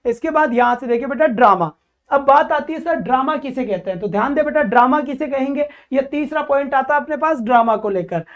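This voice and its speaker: A woman's voice: sits high, expressive, fairly quick. A woman teacher giving an exam-prep lecture. She asks questions and answers them herself, and keeps calling her students "child" affectionately. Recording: dull lo-fi recording.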